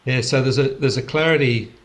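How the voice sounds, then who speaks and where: A man of average pitch talks slowly and reflectively over a video call. He often restarts his sentences and lets small laughs slip in between his thoughts. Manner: unhurried, halting, with many restarts and soft laughs. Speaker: host of a spiritual gathering.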